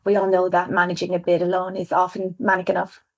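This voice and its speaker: An Irish visual designer presents survey results on a webinar, talking fast in a chatty, self-aware way, though her lowish voice stays completely flat. The video-call audio is dull and lo-fi.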